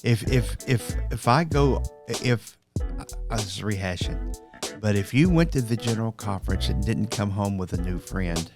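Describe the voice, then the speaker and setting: A man's voice: on the low side, normal speed, music in the background. An older man, a minister, talking in a casual podcast chat, chuckling and repeating words as he goes.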